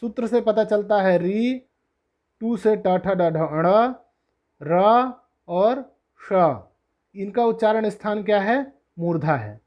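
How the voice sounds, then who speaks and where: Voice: medium pitch, measured pace, dull audio. A Sanskrit teacher giving a lesson, repeating each letter one by one, asking questions and answering them, and adding English glosses for terms. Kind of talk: classroom-style lesson explanation.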